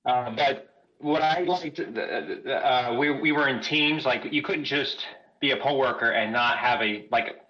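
Calling into a talk show for a phone-in chat, this man sounds like he's talking through a voice modulator on a muffled headset connection. His mid-range voice is pushed and bright, and he goes unhurriedly, hesitating and chuckling between words.

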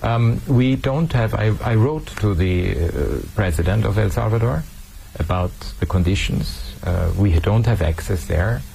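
Earnest male official, low gravelly voice, halting restarts, faint background noise. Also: lively intonation, dark tone, poor audio. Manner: earnest, with frequent hesitations and repeated words. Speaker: human rights official. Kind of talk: interview answers.

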